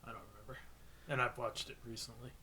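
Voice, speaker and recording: A man's voice: mid-range voice, level tone, quick pace, pushed and bright, a little hiss or hum. A man co-hosting a podcast, casual and laid-back, swearing freely. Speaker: podcast co-host. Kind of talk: casual chat.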